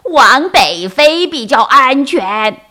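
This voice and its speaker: Woman voicing a gossipy storybook crow; loud, nagging, slightly raised pitch. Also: huge pitch swings, measured pace, slightly rough, exaggerated voice. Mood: shouting. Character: chattering gossipy female crow.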